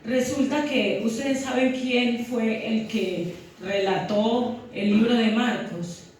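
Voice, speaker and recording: A woman's voice: fairly high pitch, slow, a little mellow, a little hiss or hum. A woman preaching a sermon in a church, teaching the passage and asking her congregation questions. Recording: echoey church hall, mic from far off.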